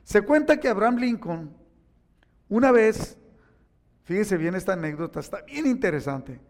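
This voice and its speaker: Male preacher, animated sermon storytelling, high voice, echoing church hall. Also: normal speed. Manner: animated storytelling with acted-out quotes. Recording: echoey hall reverb.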